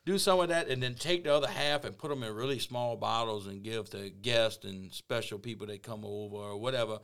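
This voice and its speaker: A man's voice: on the low side, brisk, vocal fry, a bit bright, smooth. A man with a Cajun accent chatting casually as a podcast guest, folksy and joking, with salty language. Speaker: guest, online cooking personality.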